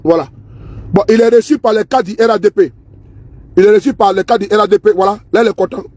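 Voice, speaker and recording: A man's voice: high voice, fast, a little mellow, dry recording. A man giving casual, scornful political commentary to camera, repeating himself and asking viewers if they see. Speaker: political vlogger. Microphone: phone or camera he handles himself.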